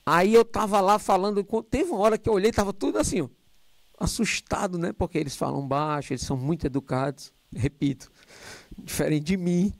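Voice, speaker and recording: Speaking into a handheld microphone, a middle-aged man gives a spiritist lecture to a live audience, loud and animated with joking asides. His voice sits high and brisk with vocal fry, and there's no room sound.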